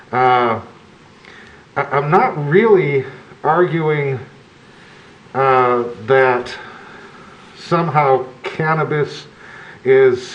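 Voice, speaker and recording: A man speaking through a face mask at a public meeting as a commission member, giving halting, deliberate remarks. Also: medium pitch. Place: indoor public meeting room. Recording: echoey meeting room, dull muffled sound.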